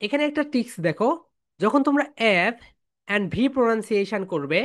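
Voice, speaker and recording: A woman's voice: medium pitch, lively intonation. A woman teaching English letter sounds, chanting each sound and having the class repeat it. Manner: call-and-response drilling, repeating sounds slowly; calls students "my dear soldiers". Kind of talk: phonics drill lesson.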